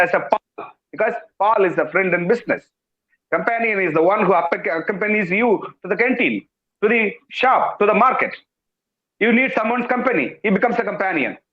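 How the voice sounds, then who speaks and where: A man's voice: high voice, reverberant. A middle-aged man with a Tamil-influenced Indian English accent, lecturing as an English professor, repeating key words emphatically with many hesitant fillers. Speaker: English professor giving a webinar talk. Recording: dull lo-fi webinar audio.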